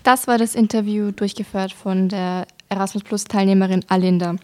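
A woman with a smooth, clear voice at a middle pitch, presenting a radio program. She closes it with a friendly announcement. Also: level tone, normal speed, mellow. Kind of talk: closing announcement.

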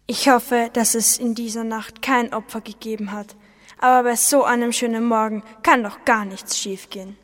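A woman's voice: on the high side, fairly even intonation, normal speed, a bit bright, long reverb tail, natural voice. A teenage girl voicing a formal male village mayor giving a solemn speech in a school radio play. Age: teens.

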